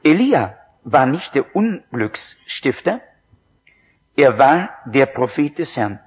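A man preaching a sermon, slow and emphatic, his voice rising in exclamations. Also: mid-range voice, very animated, breathy edge. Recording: dull lo-fi recording.

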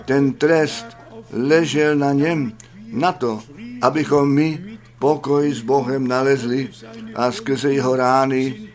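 A man delivers a sermon in an unhurried, measured way. He reads scripture with a solemn weight and then explains it plainly. His voice sits in the middle range. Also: medium pitch, fairly even intonation, soft background music. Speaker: preacher.

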